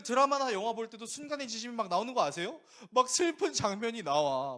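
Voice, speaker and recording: A man preaching a sermon as pastor, animated and conversational, often asking the congregation questions. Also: very high voice.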